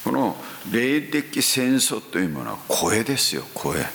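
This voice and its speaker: A man preaching a sermon, talking slowly with frequent hums and sudden rising exclamations. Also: medium pitch, very animated, vocal fry, fairly bright tone. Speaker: pastor. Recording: echoey hall with faint hiss.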